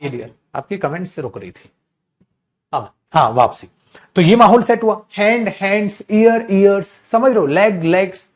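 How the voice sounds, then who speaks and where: A man's voice: high voice, expressive, moderate pace. A man teaching English grammar in an online class, calling students "beta" and repeating key terms, acting out little scenes with students and their mothers. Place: streaming class, checking live comments.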